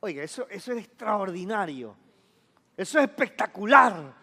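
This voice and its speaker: High-voiced preaching pastor in a reverberant church. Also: male voice, sing-song, moderate pace, vocal fry, bright, forceful tone, slightly rough. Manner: conversational preaching, asks the congregation for agreement. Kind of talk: sermon.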